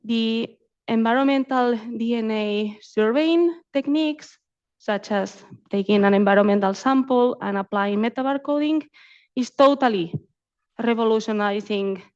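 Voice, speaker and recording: A woman with a medium-pitched, darkish voice gives an invited symposium talk on her community ecology research. She speaks academically, repeating words often, and the audio is dull.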